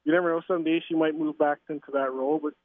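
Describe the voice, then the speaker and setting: A man's voice: a little high, steady tone, a loud crowd. Middle-aged man over the phone from a train. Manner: halting, with many fillers and restarts. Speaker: interview guest, curling coach and father. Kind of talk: casual phone interview. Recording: tinny phone line.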